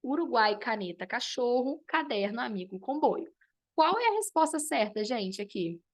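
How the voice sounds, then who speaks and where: A woman's voice: on the high side, big pitch swings, normal speed. A woman teacher, teaching an online class and explaining step by step while checking in with her students.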